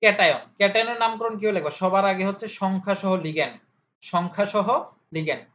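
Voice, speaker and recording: A male chemistry tutor with a high, slightly bright voice talks at a quick pace in an informal lesson. He poses questions and answers them himself, drilling key terms through repetition. The audio is a little dull, with a faint hiss.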